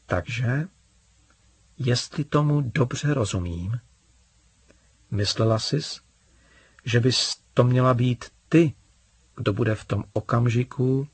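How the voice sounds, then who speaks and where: A man voicing a kindly, patient father who talks in a calm, reassuring way. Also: lowish voice, breathy edge, no room sound.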